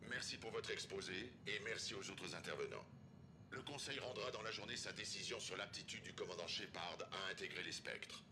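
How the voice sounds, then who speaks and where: A man playing a grave councillor presiding over a deliberation in a video game, formal and deliberate. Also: natural voice. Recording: noisy recording with low rumble.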